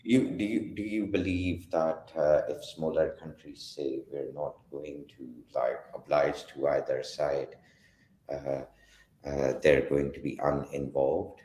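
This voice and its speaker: A man hosting a casual political discussion who talks haltingly and often repeats his opening words. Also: a bass voice, flat delivery, mellow. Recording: roomy echo.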